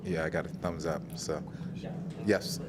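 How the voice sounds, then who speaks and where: On a conference stage, a man with a very deep, steady voice hosts a live hackathon award ceremony. He is chatty and encouraging, filling pauses while the tech gets set up. The live event audio is noisy.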